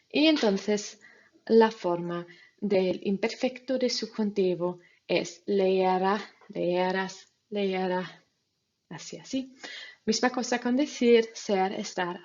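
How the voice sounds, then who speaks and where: Slow, husky-voiced woman teaching grammar. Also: medium pitch, darkish tone, lo-fi sound. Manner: patient, step-by-step instructions to students. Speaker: Spanish teacher. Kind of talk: recorded grammar lesson.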